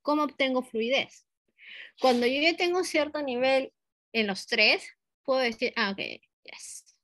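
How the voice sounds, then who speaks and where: A woman's voice: high voice, a little slow, a bit bright, no room sound. A woman who teaches English, explaining a lesson to fellow teachers step by step, often ending points with tag questions and mixing in English teaching terms. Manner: mixes English teaching terms into her speech. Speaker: English teacher giving a training session.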